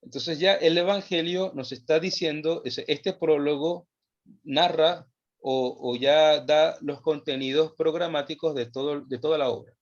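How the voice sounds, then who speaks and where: A man teaching a theology class, speaking slowly and with emphasis, repeating phrases as he thinks them through. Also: fairly high pitch, fairly even intonation, muffled recording. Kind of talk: lecture. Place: online class session.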